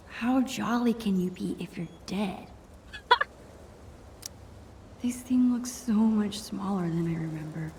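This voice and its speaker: Woman playing shy thoughtful teen girl in a game, hushed inner-thought voice, mid pitch. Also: a little hiss or hum, lightly acted. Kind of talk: video game dialogue.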